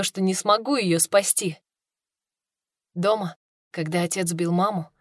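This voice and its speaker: A woman reading a first-person fantasy audiobook in an expressive, emotional way. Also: medium pitch, no room sound, clean studio sound. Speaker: audiobook reader.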